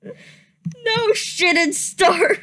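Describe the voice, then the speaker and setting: Her voice is very high-pitched and a little bright, with long, drawn-out words, as she performs a fan fiction story for laughs. She's prone to giggling fits and helpless laughter, and she fumbles misspelled words by saying them literally.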